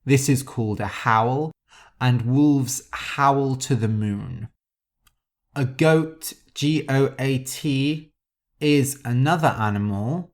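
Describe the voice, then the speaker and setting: A man hosting a podcast and teaching vocabulary for learners in a slow, deliberate way, spelling out words letter by letter. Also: mid-range voice. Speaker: podcast host. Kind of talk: scripted vocabulary lesson for learners.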